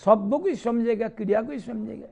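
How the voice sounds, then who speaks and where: This male speaker's voice is extremely high and warm, with vocal fry, moving fairly quickly. As a spiritual teacher giving a devotional talk, he recounts scripture stories and asks questions only to answer them on his own.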